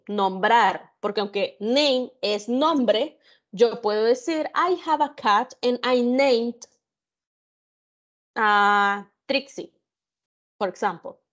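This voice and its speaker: A woman tutor giving an online grammar lesson, explaining slowly and carefully with examples and questions to her students. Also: a little high, lo-fi sound. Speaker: English tutor. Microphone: computer mic on an online class.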